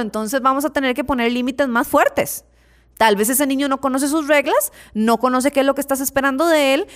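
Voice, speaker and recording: A woman hosting a parenting advice program, speaking straight to her listeners and repeating words for emphasis. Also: fairly high pitch. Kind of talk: direct-to-audience advice talk.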